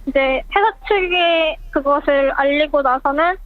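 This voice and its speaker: High pitch-shifted anonymous caller on a phone line. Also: dry recording. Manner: halting, hesitant speech with many pauses. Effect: pitch-shifted voice disguise for anonymity. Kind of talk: radio phone interview. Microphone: telephone. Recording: tinny phone line, dry.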